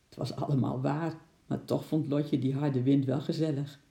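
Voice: medium pitch, steady tone, moderate pace, creaky, warm tone. Krakerige, donkere voorlezer. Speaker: narrator. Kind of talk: children's storybook reading. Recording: roomy echo.

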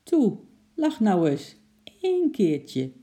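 A reader voicing an eager, sweet little girl in a storybook, with a high, soft coaxing voice. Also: big pitch swings, a little slow, creaky. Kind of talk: storybook reading.

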